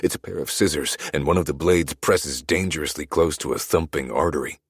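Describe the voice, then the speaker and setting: Very deep, gravelly male narrator. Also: a little fast, no room sound, studio quality. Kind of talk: first-person audiobook narration.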